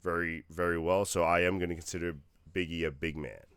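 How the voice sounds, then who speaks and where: Male co-host, deep smooth voice, blunt and opinionated. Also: fairly even intonation, a little fast, fairly bright tone, no room sound. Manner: opinionated and emphatic, swears casually. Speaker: podcast co-host. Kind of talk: casual chat.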